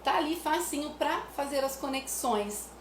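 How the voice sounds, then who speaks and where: Chatty lady teaching parents music, high voice, echoey room, faint hiss. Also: animated, moderate pace. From Brazil. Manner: chatty, repeats "né?" often, sings nursery rhymes as examples. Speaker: music educator. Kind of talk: casual teaching talk to parents.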